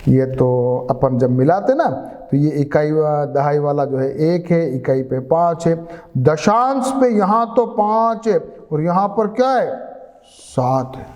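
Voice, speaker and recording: Male maths teacher, slow and patient, coaxing questions, reverberant room. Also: a little high, lively intonation, a little mellow, lo-fi sound. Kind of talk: classroom lesson.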